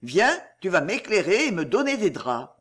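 A man voicing a resolute young son in an audiobook, speaking firmly and briskly in a lowered voice. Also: very animated, a bit bright, husky, exaggerated voice. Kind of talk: audiobook character reading.

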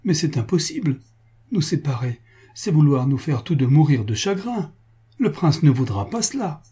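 An anxious young woman in love pleads in a hurried, tearful voice, as a male narrator of a storybook puts her on. The voice is raised a little in pitch but stays dark and husky underneath. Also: sing-song, heavily acted. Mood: distressed.

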